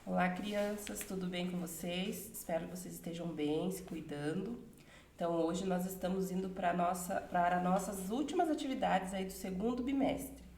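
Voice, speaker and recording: A woman's voice: on the low side, normal speed, echoey room. A woman from Brazil teaching a recorded class for children, greeting them in a friendly, reassuring way and reviewing the material. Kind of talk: recorded remote class introduction.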